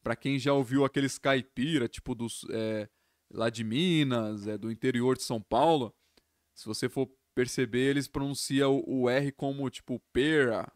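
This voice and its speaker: A man teaching English pronunciation, explaining each sound step by step and repeating words slowly. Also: medium pitch, fairly even intonation, dry recording, studio quality. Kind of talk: pronunciation lesson.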